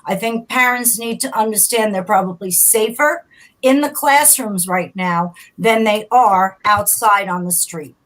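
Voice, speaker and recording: Woman guest calling into a radio talk show, steady and reassuring, explains school policy. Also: mid-range voice, unhurried, rough recording. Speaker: teachers' union leader, guest. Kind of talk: call-in radio interview. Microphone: remote call.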